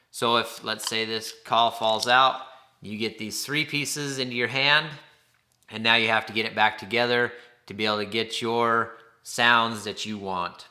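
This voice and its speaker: A man with a very bright, sharp-edged voice at an average male pitch. He works as an instructor through a hands-on demonstration, explaining each step in plain, informal language.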